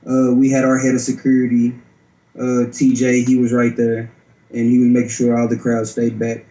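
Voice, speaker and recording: Even-toned man, mellow, in echo. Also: medium pitch, moderate pace, muffled recording. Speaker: security guard interviewee. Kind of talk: informal interview account. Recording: roomy echo.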